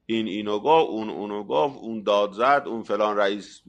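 Gravelly-voiced man preaching a sermon. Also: fairly low pitch. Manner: lively storytelling with acted dialogue, swinging loud and soft. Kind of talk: religious sermon.

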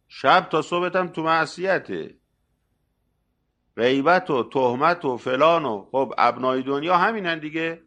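Gravelly-voiced man preaching a sermon. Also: fairly high pitch. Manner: lively storytelling with acted dialogue, swinging loud and soft. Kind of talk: religious sermon.

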